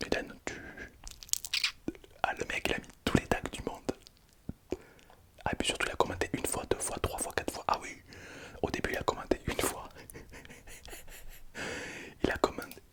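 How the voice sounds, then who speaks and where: Speaking at normal speed with frequent pauses, a young man whispers playfully through his ASMR video. He's an ASMR creator reading out comments in casual slang, laughing a lot along the way.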